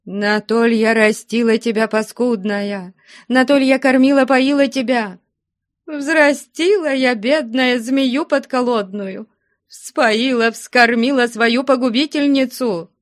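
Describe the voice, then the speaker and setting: A woman's voice: steady tone, takes it slowly. Woman doing a wailing old peasant mother. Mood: wailing lament. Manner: wailing lament, high-pitched. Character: lamenting older peasant mother.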